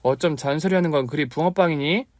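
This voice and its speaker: A man voicing a young woman, a devoted aunt raising her nephew, in a dramatized story reading, his voice pushed much higher than his own. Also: normal speed, a little mellow, dry recording, studio quality, close to an everyday voice. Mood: playful bickering. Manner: emotional, pleading, teasing by turns.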